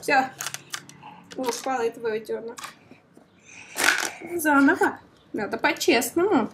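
A mother hosting a toy review plays with her child, demonstrating a toy with lots of exclamations, oohs and gasps. Her voice is high-pitched and animated but slow, over heavy background noise.

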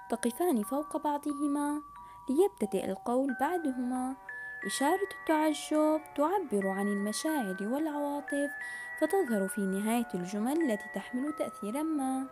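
Female primary teacher, higher register, instructive dictation-style delivery to young children, music running underneath. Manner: addresses pupils with praise and prompting questions. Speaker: primary school Arabic teacher. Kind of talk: scripted lesson narration for children. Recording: music behind the voice.

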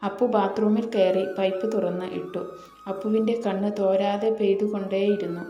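A woman's voice: mid-range voice, flat delivery, normal speed, dark tone. A woman reading a romance story aloud, voicing every character's lines in her own voice. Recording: echoey room with faint music.

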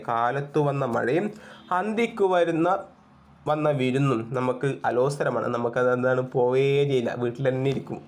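A man runs an exam prep lesson in a fairly high voice. He quizzes the listener aloud and says every answer again and again, drilling it in. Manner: repeats each answer several times, quizzing aloud. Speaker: exam coaching teacher.

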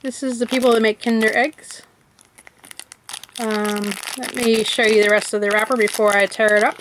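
A woman's voice: on the high side, little pitch movement, moderate pace, a bit bright, slight background noise. A woman chatting casually as she unwraps and tastes snacks for a vlog, thinking aloud as she goes. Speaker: vlogger.

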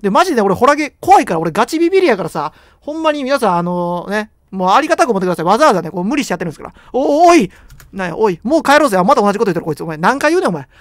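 A man's voice: high voice, sing-song, racing, dry recording. A young man with a Kansai accent giving joking, rambling commentary while playing a horror game. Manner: joking, rambling, self-deprecating banter. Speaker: game streamer.

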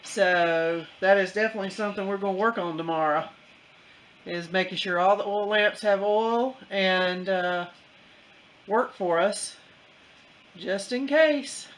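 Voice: medium pitch, measured pace, a bit bright, poor audio. Easygoing vlogger narrating farm chores. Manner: easygoing, explains step by step with fillers. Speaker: camera operator and co-narrator. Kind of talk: casual vlog narration.

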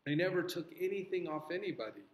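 A man's voice: on the high side, animated, fast, reverberant, pitched above the performer's own voice, close to an everyday voice. A man voicing an earnest, outspoken young girl who explains things plainly to her teacher. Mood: explaining.

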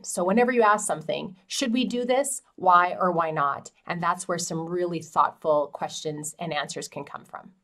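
Middle-aged woman, lowish voice, direct and encouraging advisor to camera. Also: fairly bright tone. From Canada. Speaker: farm transition specialist. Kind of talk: educational talk to camera. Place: small indoor office.

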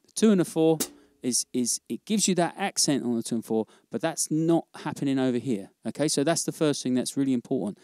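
Relaxed drum teacher, low warm voice. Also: male voice, brisk, no echo. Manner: relaxed, repeats words, checks in with "okay?". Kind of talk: casual instructional demo.

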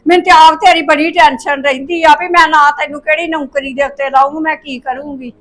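A fretful mother coaxes her son to exercise and laments his height, voiced by an actress. Her voice is high. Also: fairly even intonation, brisk, a bit bright. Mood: coaxing. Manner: coaxing, lamenting. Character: worried mother fussing over her short son. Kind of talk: comic family drama.

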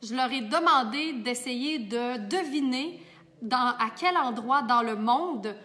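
A Québécois woman, a makeup artist and teacher, chatting warmly and enthusiastically to her viewers in a casual vlog. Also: a little high, slow pace, big-room sound. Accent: Québécois French. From Quebec. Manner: warm, enthusiastic, talks straight to viewers.

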